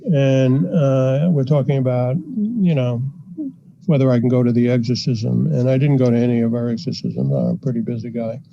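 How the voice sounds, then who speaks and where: An older man, a psychiatrist guest on a podcast, telling a story in a measured way with frequent fillers. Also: mid-range voice, creaky, mellow. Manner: measured, anecdotal, frequent "you know" fillers. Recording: dull lo-fi podcast audio.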